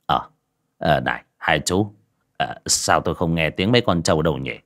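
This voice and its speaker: A man's voice: extremely low pitch, lively intonation, normal speed, a bit bright, exaggerated voice. A man voicing a frightened old village man who stammers and hesitates in an audio story.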